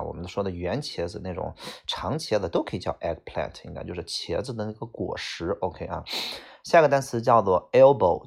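Male teacher, low voice with fry, casual lesson delivery, spells words letter by letter. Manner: relaxed, chatty, with drawn-out fillers. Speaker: English vocabulary teacher. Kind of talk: vocabulary lesson.

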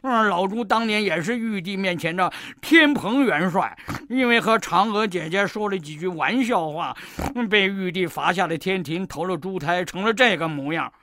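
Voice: mid-range voice, expressive, measured pace, gravelly, hardly any pauses, fairly bright tone, voice pushed down, full character voice. A storyteller voicing a boastful, cowardly male pig demon who blusters and stammers in a children's story. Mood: blustering. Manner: blustering, stammers when scared.

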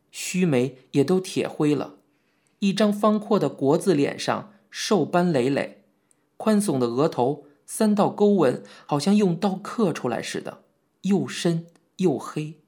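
A man reading a novel aloud as an audiobook narrator, in a measured, even storytelling manner. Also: fairly high pitch. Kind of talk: scripted narration.

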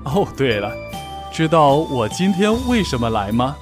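A man's voice: medium pitch, sing-song, unhurried, music in the background. A man doing a kindly old granny bear. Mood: soothing. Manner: gentle, soothing.

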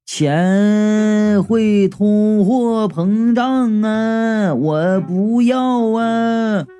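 A man voicing a whiny male ghost who wails his complaints in a slow, drawn-out cry. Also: high-pitched, mellow, clean tone. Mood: wailing. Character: whiny wailing male ghost, wants everything.

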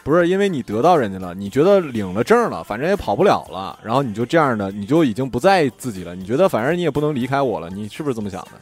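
A man co-hosting a casual chat podcast, talking in an animated, blunt, teasing way and often laughing. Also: medium pitch, racing, hardly any pauses, soft background music. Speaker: podcast co-host.

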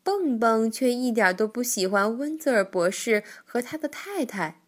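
A woman narrating a children's story in an expressive, gentle way. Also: on the high side, moderate pace.

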